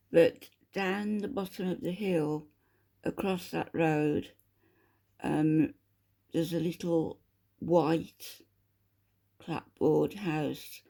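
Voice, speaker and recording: A woman's voice: low voice, gravelly, warm tone. A woman interviewer talking in a casual, conversational way, explaining and prompting.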